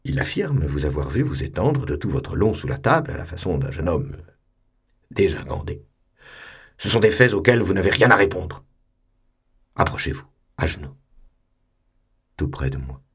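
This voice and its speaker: A man's voice: a bass voice, breathy edge, exaggerated voice. A man voicing a pompous, sneering old priest superior in a mocking, sanctimonious tone.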